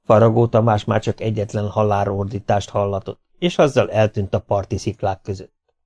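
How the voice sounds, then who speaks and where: A man reading a first-person humorous memoir as an audiobook, lively and expressive. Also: lowish voice. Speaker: audiobook reader. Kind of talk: scripted first-person narration.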